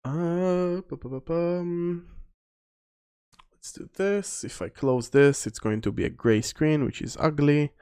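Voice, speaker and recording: A man's voice: medium pitch, expressive, moderate pace, warm tone, clear, resonant tone. Rambling man streaming a video game. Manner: rambling, reads chat aloud. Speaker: gaming streamer. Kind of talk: casual livestream commentary. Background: faint background music.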